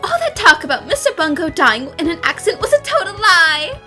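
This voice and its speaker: Excitable high-pitched anime girl detective, overacted. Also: a little fast, exaggerated voice. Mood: insistent. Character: excitable, theatrical young female detective. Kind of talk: overacted anime-style fan dub. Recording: voice over faint music. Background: faint music.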